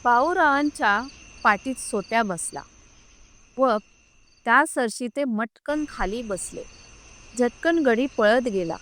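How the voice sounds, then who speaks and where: A woman narrating a scripted story in a slow, measured, solemn reading. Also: on the high side, expressive, a bit bright.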